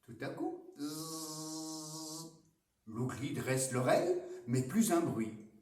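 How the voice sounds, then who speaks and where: A man presenting library picture books and reading them aloud in a playful, animated storytelling manner, recorded in an echoey room with the mic at a distance. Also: mid-range voice, unhurried.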